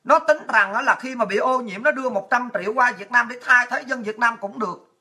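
Woman commentator, sharp bright tone, swearing, crude and heated delivery. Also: a little high, brisk. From Vietnam. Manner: blunt, crude, fiery, swears a lot. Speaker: political commentator. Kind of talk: impassioned political rant to viewers.

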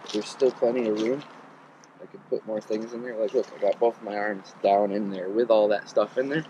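On a riverbank, a man in his thirties rambles through a relaxed gear review full of ums, his voice a little low. His camera sits on a tripod a few meters off, and the rough recording picks up clear outdoor noise.

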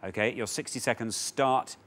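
A man with an English accent hosting a studio quiz show, announcing rules and scores in a brisk, upbeat way. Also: medium pitch, a bit bright, slight background noise. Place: television studio.

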